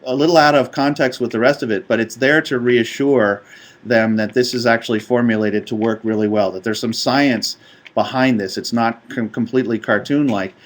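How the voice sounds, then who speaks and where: A man's voice: mid-range voice, normal speed. Male presenter, conference talk on design, laid-back delivery with many filler ums. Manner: relaxed with frequent ums.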